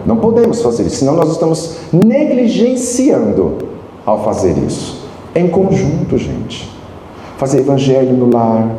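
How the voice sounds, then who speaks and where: Brazilian guy in his 40s giving a talk, dark mellow voice, pitch all over the place, big echoey hall. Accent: Brazilian Portuguese. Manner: emotional, with long pauses and sweeping pitch. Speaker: lecturer at a spiritist center. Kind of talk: storytelling lecture. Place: large hall. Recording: echoey hall, faint noise.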